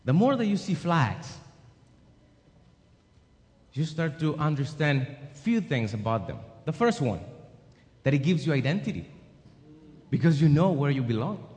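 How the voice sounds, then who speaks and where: A man's voice: a little high, very animated, unhurried, pauses often, darkish tone. A man preaching a sermon with an emphatic, rising and falling cadence. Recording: long hall reverb.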